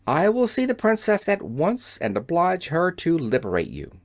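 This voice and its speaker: A reader voicing a kind, girlish young ruler who speaks sweetly and calmly, in an audiobook. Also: mid-range voice, normal speed, pitched above the performer's own voice. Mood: gracious. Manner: sweet, calm, gracious. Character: gentle girlish queen, kind. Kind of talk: audiobook character voice.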